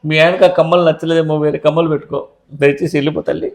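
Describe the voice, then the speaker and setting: A man's voice: on the high side, level tone, fast talker. A man playing an exasperated doctor in a comic sketch. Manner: exasperated, pleading.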